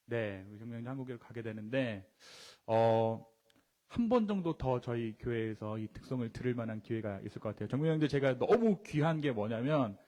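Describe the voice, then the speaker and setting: A male pastor giving a conversational sermon, often asking the congregation questions and swinging his pitch and loudness for emphasis. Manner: quietly voiced prayer.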